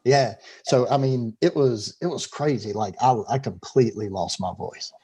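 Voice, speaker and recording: Speaking at a normal pace in a husky mid-range voice with a dark tone, a middle-aged man rambles as a video call interview guest from his home. He's chatty, tripping over and repeating words, and quick to laugh.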